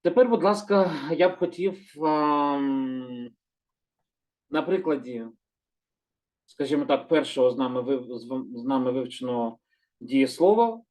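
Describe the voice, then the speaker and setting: A man teaching a calm, slow lesson, gently repeating words and patiently correcting himself. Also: mid-range voice. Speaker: Hebrew teacher.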